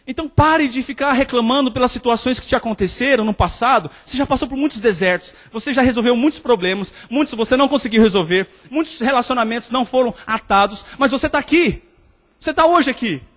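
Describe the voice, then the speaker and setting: A man's voice: very high-pitched, fast talker. A man preaching a sermon, telling stories and acting out the quoted voices. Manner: lively storytelling, acts out quotes. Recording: long hall reverb.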